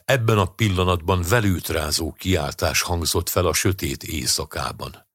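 A man narrating an audiobook story in a measured, even way. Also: deep voice, husky, dry recording, studio quality.

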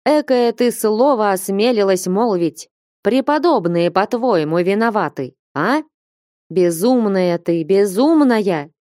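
A woman's voice: mid-range voice, expressive, slow pace, darkish tone, no echo. A woman reading aloud and voicing a stern, fiery old abbess who scolds and commands in a raised voice. Dry, close sound. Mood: furious.

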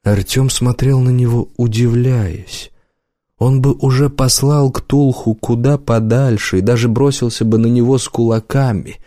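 A man narrating an audiobook in a measured, even storytelling manner, close to a studio mic. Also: mid-range voice, no echo.

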